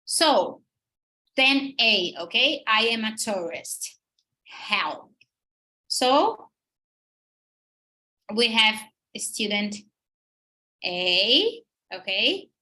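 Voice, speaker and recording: Lively woman teaching English. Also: a little high, extremely slow, long pauses. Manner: lively, checks in with the class often. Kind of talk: online English class, mixing Portuguese and English.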